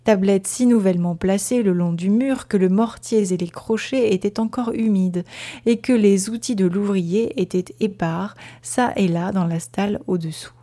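Warm-voiced woman reading a period novel. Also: medium pitch. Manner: measured, expressive storytelling. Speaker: audiobook narrator. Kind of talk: literary audiobook reading.

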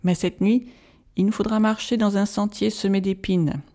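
A reader voicing an old male professor in an audiobook, solemn and measured, patiently pleading. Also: mid-range voice, flat delivery, dark tone, natural voice. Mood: grave. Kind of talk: audiobook narration.

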